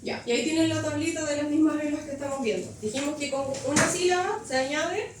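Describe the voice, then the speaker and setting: A woman's voice: high-pitched, fast. A woman teacher explaining grammar to a class, patiently checking whether students understand. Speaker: English teacher. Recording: echoey classroom from far off, noisy.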